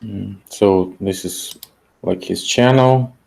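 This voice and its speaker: Deep-voiced man hosting a stream. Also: creaky, a little mellow, slightly rough. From Russia. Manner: halting, with slightly broken English. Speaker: host. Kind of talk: live stream chat.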